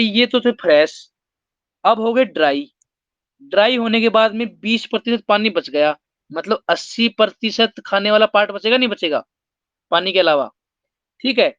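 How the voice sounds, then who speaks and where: A man's voice: sits high, a bit bright, dry recording, muffled recording. A man teaching an exam-prep maths lesson, explaining step by step and putting rhetorical questions to his students.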